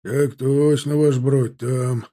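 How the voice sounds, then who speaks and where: A man doing a loud folksy army orderly. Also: mid-range voice, steady tone, slow pace. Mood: eager. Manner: loud, folksy servant's talk. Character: older male army orderly, folksy and eager.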